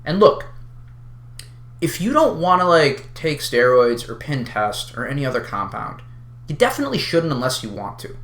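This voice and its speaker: Exasperated, unhinged ranter with a bright, swooping voice. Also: mid-range voice, very animated, moderate pace, echoey room. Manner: exasperated, wild unhinged ranting with sarcastic emphasis. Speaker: online video creator addressing a community. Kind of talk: unscripted opinion rant to the listener, casual and sweary.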